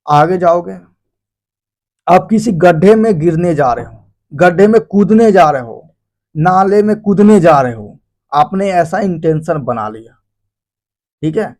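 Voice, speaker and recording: A man's voice: high voice, a little mellow. A man teaching an informal lesson, acting out the quoted people in his examples and laughing at his own jokes. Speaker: teacher explaining a life lesson.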